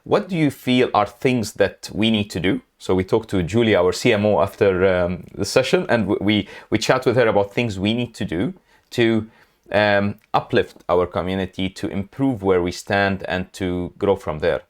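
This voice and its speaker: A man from Lebanon hosting a casual interview, talking in a halting way with lots of fillers and frequent laughs. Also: lowish voice. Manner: hesitant, many fillers, laughs often. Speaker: host.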